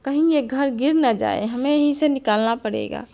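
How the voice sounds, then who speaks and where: A woman's voice: high-pitched, moderate pace, mellow, pitched above the performer's own voice. A woman voicing an elderly mother-in-law from a poor family in a cartoon story, in a plain everyday voice. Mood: worried.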